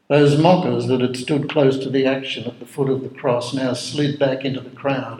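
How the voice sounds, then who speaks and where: A man narrating a dramatic story in a measured, solemn way. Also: mid-range voice, a little mellow. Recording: roomy echo.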